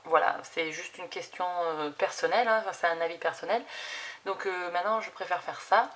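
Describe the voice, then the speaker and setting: A woman in her thirties chatting casually at her home craft desk, enthusiastic and full of fillers as she unboxes gifts, recorded on a camera set low on the desk. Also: fairly quick, a bit bright. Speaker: craft YouTuber. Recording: audible background noise.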